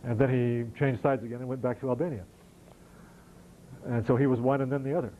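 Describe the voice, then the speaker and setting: A man's voice: mid-range voice, fairly even intonation, a little fast, phone-quality sound, a little hiss or hum. A middle-aged American man answering audience questions after a lecture, conversational and wry, with frequent restarts. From United States. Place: lecture hall.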